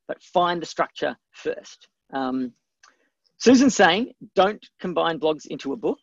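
A man hosts a live teaching webcast, talking emphatically and answering viewers as he goes. His voice has a gravelly edge. The sound is dry and a little dull, with no room around it. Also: on the high side, expressive, measured pace, no echo. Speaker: webcast host and book coach.

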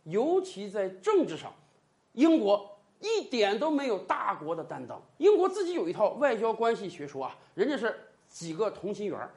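A political commentator giving opinionated, mocking commentary with sharp sarcasm and emphasis. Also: medium pitch, big pitch swings, moderate pace.

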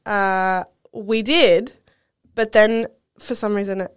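A young woman co-hosting a podcast, chatting in a relaxed, friendly way while getting over the flu. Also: mid-range voice, slow pace, smooth, dry recording, studio quality. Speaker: podcast co-host. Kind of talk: casual chat.

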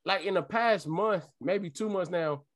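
A man's voice: high-pitched, unhurried. A man telling stories casually in slangy talk, constantly addressing his friends as bro. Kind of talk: casual conversational storytelling.

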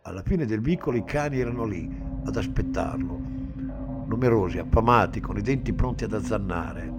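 A man reading a dark story aloud in a slow, somber dramatic manner. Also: on the low side, lively intonation. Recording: music bed under the reading. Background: music underneath.

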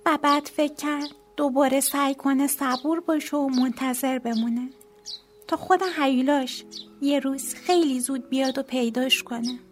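A woman with a high voice reads a children's storybook aloud. She tells it expressively and lively, with faint music playing softly behind her.

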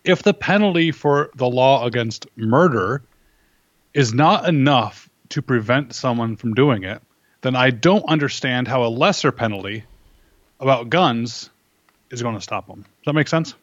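In a conversational interview, this man, a firearms instructor and writer, walks through his arguments calmly and checks them with rhetorical questions. He has a medium-pitched, animated voice, captured close and dry with no echo, if a bit dull and lo-fi.

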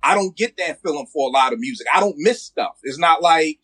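Brisk and animated, this fortysomething co-host from Philadelphia, USA, talks music on a casual podcast with blunt, profane emphasis. His voice is fairly high, a bit bright and slightly rough.

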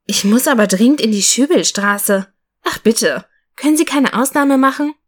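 A woman's voice: fairly high pitch, expressive, moderate pace, voice pushed up. A woman reading an audiobook voices Emma, an anxious young woman who is a twin, in a pleading, slightly raised voice.

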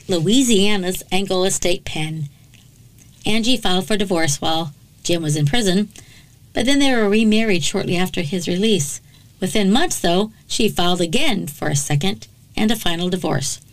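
A woman with a medium-pitched voice hosts a true crime podcast, speaking at a moderate pace. She tells the case dramatically but keeps interrupting herself with blunt, sarcastic remarks. The recording is low quality and has no room sound.

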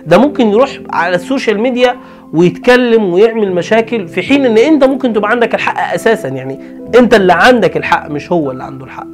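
A man with an Egyptian Arabic accent teaching customer service in a lively way, acting out exchanges with customers. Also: high voice, very fast, soft background music. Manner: animated, acts out customer exchanges. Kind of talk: energetic instructional talk.

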